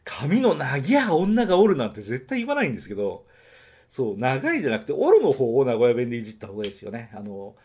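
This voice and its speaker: A man's voice: medium pitch, big pitch swings, very fast, darkish tone, husky. A man from Nagoya hosting a podcast, chatting casually about a film and correcting himself as he thinks aloud. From Nagoya, Japan. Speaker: podcast host reviewing films. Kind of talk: casual solo film review.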